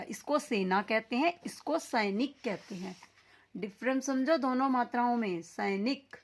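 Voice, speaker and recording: A woman teacher giving a recorded lesson to young children, sounding out syllables slowly and with emphasis, mixing in English words. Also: on the high side.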